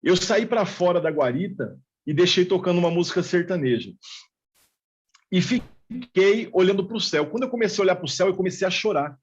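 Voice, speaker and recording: A man's voice: high-pitched, animated, fairly quick, slightly rough. A middle-aged man, a pastor, telling his personal testimony in a live chat and acting out the dialogue as he goes. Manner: vivid storytelling, acting out quoted dialogue. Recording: dull lo-fi live-stream audio.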